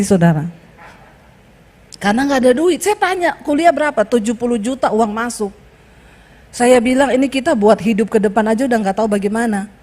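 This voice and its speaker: High-voiced woman pastor preaching in a reverberant hall. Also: a little mellow. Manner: emphatic preaching, rising to exclamations, chatty asides to the congregation. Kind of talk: sermon. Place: church hall.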